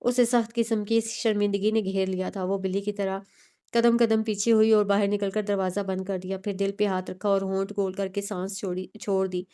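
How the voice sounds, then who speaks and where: A woman narrating a novel with steady, expressive storytelling. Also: medium pitch, normal speed, clean tone. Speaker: audiobook narrator. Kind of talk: novel reading.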